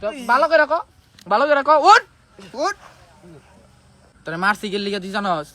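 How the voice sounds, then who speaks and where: An actor playing a harsh, bossy English tutor in a comedy skit, scolding and bursting into shouted words. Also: male voice, sits high, big pitch swings, moderate pace, very noisy. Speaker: teacher.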